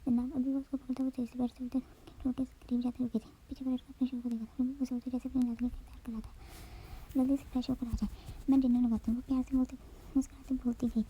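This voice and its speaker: A woman reading a romance novel aloud in a hushed, breathy whispered role-play. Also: high-pitched, level tone, racing, a little hiss or hum. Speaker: novel reader. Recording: slightly dull lo-fi recording.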